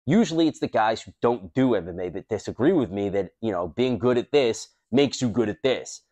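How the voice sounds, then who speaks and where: This thirty-something man hosts a self-defense channel, addressing the camera in a dark-toned, expressive voice at a slightly fast clip. He's casual and blunt, swearing and using lots of fillers, recorded on a lapel mic in a high-rise room.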